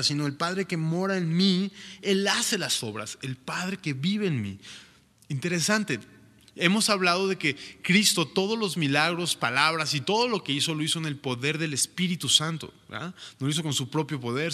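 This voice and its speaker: Brief: male preacher, bright voice, chatty Bible teaching in a long reverberant room. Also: mid-range voice. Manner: reads scripture aloud, then comments with frequent rhetorical "¿no?".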